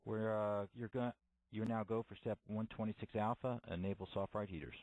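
A deep-voiced man reads out procedural status calls to a launch team. His delivery is flat, halting and matter-of-fact, with faint noise on the comms loop. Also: lo-fi sound. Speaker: launch conductor.

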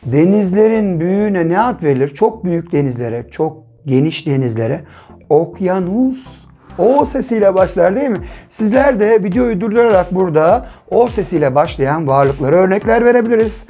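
Brief male primary teacher, patient question-and-answer lesson for small kids, soft music behind. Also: sits high, lively intonation, moderate pace. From Turkey. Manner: patient, asks and answers his own questions. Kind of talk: children's literacy lesson.

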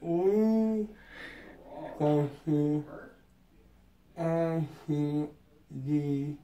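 Slow, groggy teenage boy coming out of anesthesia. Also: a little high, mellow. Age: teens. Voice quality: slurred, mumbling through gauze and numb lips. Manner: dazed, rambling. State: groggy from anesthesia after wisdom tooth removal. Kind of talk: casual chat. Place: small recovery room, indoors. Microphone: handheld phone a few feet away.

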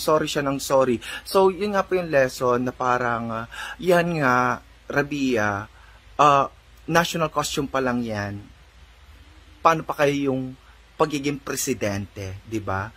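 A man's voice: mid-range voice, sharp tone. Chatty Filipino man gossiping. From Philippines. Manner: chatty, teasing, mixes English into Tagalog. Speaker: vlogger. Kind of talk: gossip commentary.

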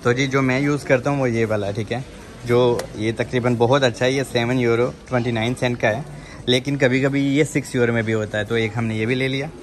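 A male vlogger's steady, mid-range voice runs a little fast as he films himself on a handheld phone wandering a large supermarket in an indoor mall. He's chatty, addresses his audience as "janab," and keeps saying "theek hai," with store noise in the background.

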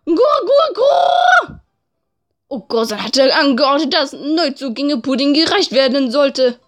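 A woman voicing a furious, pompous male pigeon from a video game, with cooing shouts and grandiose talk of himself in the third person. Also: high-pitched, moderate pace, close to an everyday voice. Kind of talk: video game character voice in a let's play.

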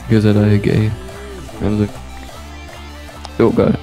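A man's voice: lowish voice, completely flat delivery, slow pace, mellow. A young man chatting casually during a game, using slang mixed with English gamer words. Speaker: gaming partner. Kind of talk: casual gaming chat. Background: faint music.

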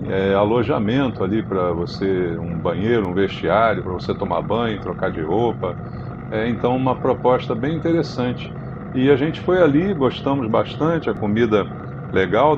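A man with a Brazilian Portuguese accent, casually narrating his motorcycle ride and lunch stop, with a relaxed, chatty manner and a frequent "né". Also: fairly low pitch, highs cut off, noisy background. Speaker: motorcycle travel vlogger.

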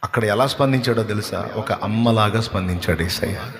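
A man preaching a sermon, shifting between soft, low storytelling and loud, high-pitched outbursts. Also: brisk, in a large hall. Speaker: pastor.

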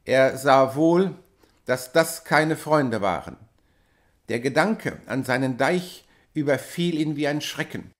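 A man reading a classic novella aloud in a measured, dramatic storytelling manner. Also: on the high side, expressive. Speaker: audiobook reader. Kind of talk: literary reading.

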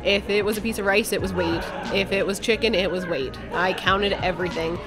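A woman's voice: mid-range voice, steady tone, a little fast, over music. A woman guest on a podcast, telling a personal story in a candid, blunt way and swearing casually. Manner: candid, blunt, speaks her mind.

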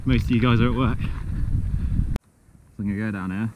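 A young man with a southern English accent, rambling casually while riding a mountain bike outdoors, recorded on a bike camera with loud wind and trail noise behind him. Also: fairly low pitch, fairly quick. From southern England. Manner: rambling, relaxed, chatty.

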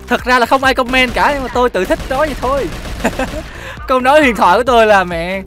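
A man's voice: high voice, fairly bright tone. A man giving joking, teasing gameplay commentary while he plays, swearing casually and laughing often. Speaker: gaming channel host.

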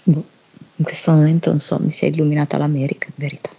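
A woman with a northern Italian accent speaks slowly and hesitantly as she channels during a hypnosis session. Her voice is low, husky and mellow. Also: level tone, lo-fi sound. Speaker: hypnosis medium.

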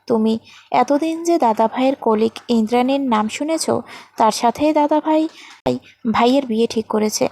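A woman's voice: fairly high pitch, moderate pace, warm tone. A woman reading a story voices a bubbly, chatty young woman.

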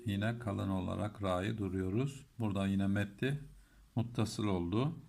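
A man with a Turkish accent teaching Quran recitation rules in a patient lesson. He chants verses slowly and breaks words apart to explain them. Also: on the low side, fairly even intonation, vocal fry, darkish tone.

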